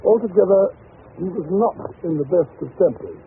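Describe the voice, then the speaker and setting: An actor playing a genial, patient English doctor, avuncular and mildly hesitant, in a vintage radio drama. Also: male voice, high voice, expressive, normal speed. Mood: reminiscent. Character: genial, patient male doctor, detective's loyal companion. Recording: muffled, noisy vintage radio recording.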